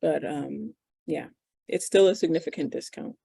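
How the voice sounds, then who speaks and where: Gravelly young woman answering casually. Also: sits low, moderate pace, mellow, dry recording. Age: 20s. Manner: casual, thinks aloud with fillers. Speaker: medical student guest. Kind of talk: conversational interview answers.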